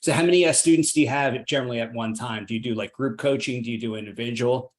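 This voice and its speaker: A man with a mid-range voice talks fast while hosting a podcast interview. He is a real estate investor, upbeat and encouraging, and he often tags his sentences with "right?".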